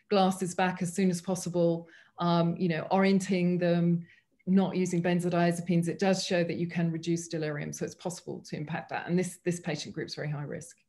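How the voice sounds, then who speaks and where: A woman's voice: fairly low pitch, a little mellow. A woman speaking earnestly as a panelist in a medical webinar over a video call. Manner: thoughtful, earnest, frequent restarts.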